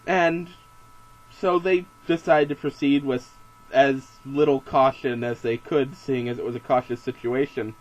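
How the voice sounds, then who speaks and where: A man's voice: mid-range voice, steady tone, measured pace. Amused rambling young man, lo-fi sound. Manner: rambling and amused, with fillers and self-corrections. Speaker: game master recapping a tabletop campaign. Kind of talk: casual spoken recap of a game session. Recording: dull lo-fi home recording.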